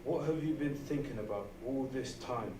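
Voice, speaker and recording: A man in a one-man stage show playing both parts of a dialogue, here voicing a stern, blunt older mentor with a slow, terse, commanding manner. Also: medium pitch, voice pushed down, natural voice. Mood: stern, demanding. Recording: echoey room from far off, faint noise.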